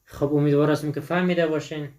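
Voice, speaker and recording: A man teaching an English lesson. He says each English word slowly, translates it, and answers his own questions to the class. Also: a little high, level tone, darkish tone. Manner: asks the listener questions and answers them himself. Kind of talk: explaining a textbook lesson.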